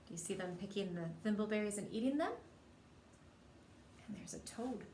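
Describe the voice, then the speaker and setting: A woman with a mid-range voice reads a picture book aloud to young children at a normal pace. She's an expressive storyteller who acts out the dialogue and asks her listeners questions. The recording has a roomy echo and faint background noise.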